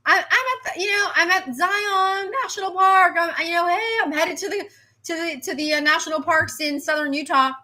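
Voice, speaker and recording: Woman putting on a young influencer girl, bubbly, rambling, high-pitched, bright. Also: moderate pace. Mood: excited. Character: eager young female influencer at a park.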